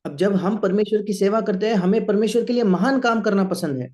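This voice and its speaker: High, mellow male interpreter. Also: fast. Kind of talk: sermon interpretation.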